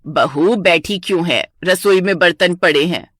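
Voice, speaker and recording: A woman playing a stern middle-aged mother-in-law in a cartoon story. Her voice sits lower and she scolds in a commanding, nagging tone. The recording is dry. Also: unhurried, fairly bright tone, no room sound. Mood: scolding. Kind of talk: animated story voice acting.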